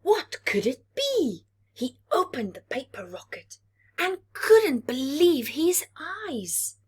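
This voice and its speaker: A woman reads a picture book aloud to young children, narrating expressively and dramatically with whispered asides to her listeners. Her voice sits high with big pitch swings, and she takes it slowly.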